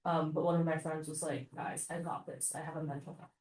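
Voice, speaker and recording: Young woman student, low voice, far off. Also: level tone, a little fast, a little mellow. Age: young adult. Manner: casual, lots of "like". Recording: echoey room, from a distance.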